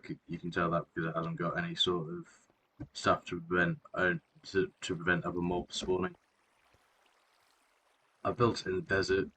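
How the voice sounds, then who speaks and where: A Minecraft video creator casually narrates a game tour, rambling, correcting himself and using many fillers. His voice sits low and a bit bright, and a sore throat has him clearing his throat and coughing. The audio is poor, with a little hiss or hum.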